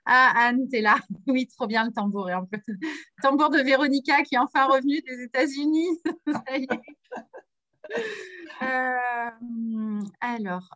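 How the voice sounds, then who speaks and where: A woman's voice: a little high, dry recording. A woman hosting an online summit livestream, chatting with viewers and introducing her guest with frequent laughs. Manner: chatty, warm-up banter with viewers, often laughing. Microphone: video call.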